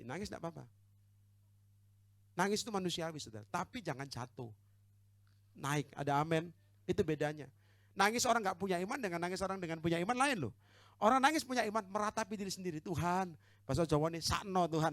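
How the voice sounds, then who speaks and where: A man with a high, ringing voice preaches a charismatic sermon into a close microphone. He swings between hushed, intimate asides and loud, shouted exhortation, calling for amens. The sound is dry, with little room around it. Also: lively intonation, fast talker, long pauses, no echo. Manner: calls for amens and congregational responses; drops English phrases into his preaching. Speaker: evangelist preacher.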